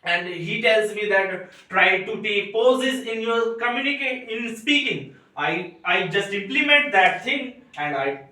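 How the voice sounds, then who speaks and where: A male student with an Indian English accent delivers a practice speech to his class. He talks deliberately, lifting and dropping his loudness for effect. His voice is high and very bright, and it comes from a distance in a strongly echoing room. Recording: echoey room from far off.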